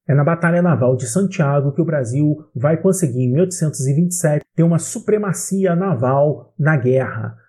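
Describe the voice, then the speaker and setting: Mellow-voiced Brazilian man teaching history. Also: on the high side. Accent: Brazilian Portuguese. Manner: clear explanatory teaching, addresses the student directly. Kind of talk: exam-prep history lesson.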